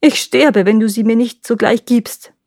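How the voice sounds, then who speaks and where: A woman's voice: fairly high pitch, expressive, measured pace, a little mellow, no echo, clean studio sound. A woman voicing a lazy, greedy peasant husband who whines and pleads in a storybook reading. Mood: whining. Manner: whining, pleading.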